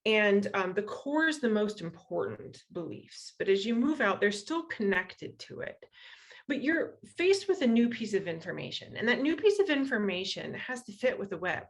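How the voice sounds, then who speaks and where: Guest-lecturing to the public, this western Iowa woman explains her topic in a chatty way, often posing rhetorical questions to check in. She has an American accent and a mid-range voice with big pitch swings, speaking at a moderate pace.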